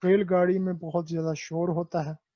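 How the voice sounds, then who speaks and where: A male teacher with a Pakistani Urdu accent, explaining a textbook exercise and repeating words slowly so students learn how to say them. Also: sits high, little pitch movement, no echo, highs cut off. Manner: asks and answers his own questions.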